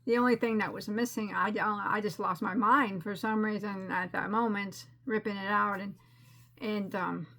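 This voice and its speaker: A woman who hosts a crochet channel gives a casual, chatty crafting update in a mid-range, fairly bright voice with fairly even intonation at normal speed. She rambles and is self-deprecating, often restarting and laughing at her own mistakes.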